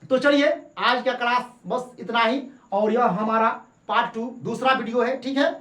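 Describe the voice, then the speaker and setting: A woman's voice: on the high side, moderate pace, fairly bright tone. A woman teacher gives a lesson, repeating each point and asking questions that she answers herself. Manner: repeats points and asks rhetorical questions, then answers them. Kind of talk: classroom-style lesson. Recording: echoey room.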